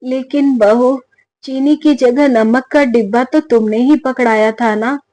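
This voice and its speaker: A woman voicing a meek, softly pleading older mother. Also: high-pitched, fairly even intonation, measured pace, no room sound, low-quality recording. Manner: soft, subdued pleading. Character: meek older mother-in-law, gentle and humble.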